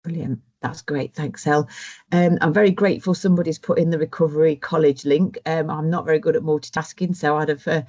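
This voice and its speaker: A woman's voice: low-pitched, steady tone, brisk, a little mellow. A woman hosting an online webinar, reading out audience questions and thanking the speakers. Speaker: webinar host. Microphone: video call. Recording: dull lo-fi call audio.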